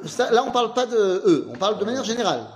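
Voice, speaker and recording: A man leads an informal Talmud class, posing questions and answering them himself in a casual, slangy style. His voice is high-pitched and very animated, and he talks at a racing speed.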